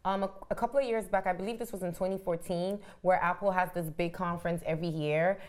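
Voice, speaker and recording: A woman's voice: on the low side, steady tone, quick pace. A woman from Ghana co-hosting a casual panel chat, telling stories with many "like"s and frequent laughs. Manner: chatty, storytelling, laughs often. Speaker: co-host.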